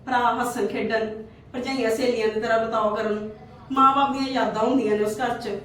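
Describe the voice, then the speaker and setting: A woman's voice: on the high side, fairly even intonation, a little fast, a bit bright. A woman acting in a family skit as a hurt sister, then earnestly advising viewers. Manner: pleading, then earnest advice. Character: hurt married sister visiting her brother's home. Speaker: channel host and actor. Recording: echoey room from far off, faint noise.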